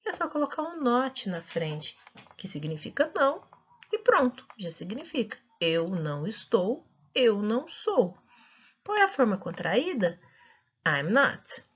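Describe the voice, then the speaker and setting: A woman's voice: fairly high pitch, very animated, a little slow, a bit bright, husky. A woman with a Brazilian Portuguese accent, an English teacher carefully explaining grammar to her students and drawing out her example phrases. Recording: dull lo-fi recording.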